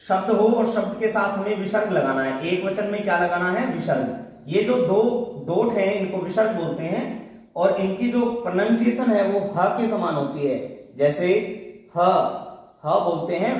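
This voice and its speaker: Middle-aged guy w hindi accent teaching online, high voice, booming echo, bit far off mic. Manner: patient, repeats questions and answers them himself. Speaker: Sanskrit teacher. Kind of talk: online class lesson.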